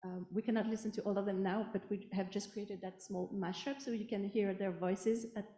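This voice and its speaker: Woman, conference presenter, warm dark voice, plain explaining, roomy echo. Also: medium pitch, fairly even intonation, a little fast. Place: conference hall. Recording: roomy hall sound.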